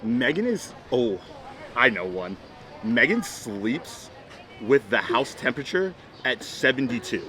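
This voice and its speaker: A man's voice: medium pitch, big pitch swings, unhurried, sharp tone. Emphatic young man chatting casually. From Florida, United States. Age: 20s. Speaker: boyfriend in couples Q&A vlog. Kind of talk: casual couples chat.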